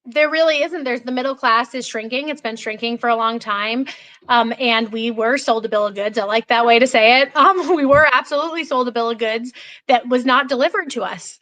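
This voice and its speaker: A woman's voice: on the high side, fairly quick, bright, forceful tone, low-quality recording. A woman in her forties, a political candidate talking passionately in a podcast conversation, emphatic and full of restarts.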